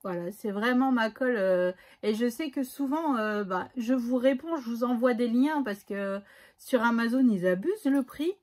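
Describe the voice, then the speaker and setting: Casual woman vlogger, slightly high, rambling with fillers. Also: normal speed, darkish tone. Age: adult, has a son. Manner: chatty, hesitant, many fillers. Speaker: scrapbooking vlogger. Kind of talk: casual haul chat.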